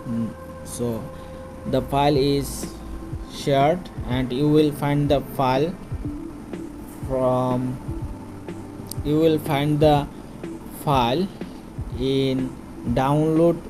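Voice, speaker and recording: A man who speaks English as a second language, hosting an informal how-to voice-over in halting, repetitive phrasing with frequent self-corrections. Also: mid-range voice, steady tone, over music. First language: not English. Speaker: tutorial host.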